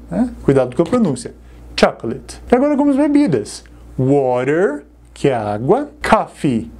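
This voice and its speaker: A Brazilian woman with a Brazilian Portuguese accent teaching a recorded English lesson for beginners, drawing out each model word slowly for learners to repeat. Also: on the low side, warm tone. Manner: slow, drawn-out model words for learners to repeat.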